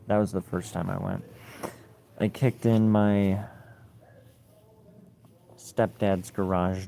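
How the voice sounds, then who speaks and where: A man's voice: low voice, vocal fry, warm tone. A young man telling a rambling, profane story in a casual way, full of fillers.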